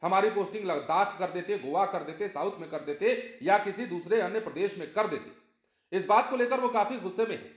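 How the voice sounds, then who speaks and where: A man's voice: high voice, fairly quick. A man presenting a news report with commentary, emphatic and repeating phrases for effect. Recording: roomy echo.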